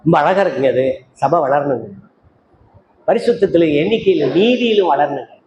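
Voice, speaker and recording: Older guy preaching in a church hall, high voice, lots of questions at the crowd, echoey with a bit of hiss. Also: expressive, brisk, a little mellow. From Tamil Nadu, India. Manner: rhetorical questions, calls out to listeners by name. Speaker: evangelist preacher. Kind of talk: sermon. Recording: echoey hall with faint noise.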